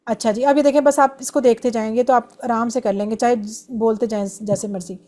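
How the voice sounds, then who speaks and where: A woman's voice: fairly high pitch, fairly even intonation, mellow. A woman teaching an online grammar class, explaining patiently step by step and drilling verb forms.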